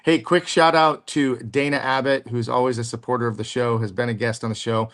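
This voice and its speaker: A man's voice: mid-range voice, fairly even intonation, brisk, fairly bright tone. A man hosting a podcast interview, asking questions in an upbeat, encouraging way. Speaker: podcast host. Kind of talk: casual interview.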